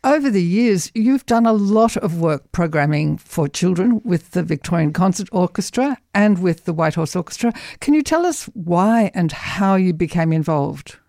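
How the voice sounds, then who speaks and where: A woman radio interviewer asking measured, prompting questions of a guest. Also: on the low side, animated, vocal fry, a little mellow, dry recording, studio quality.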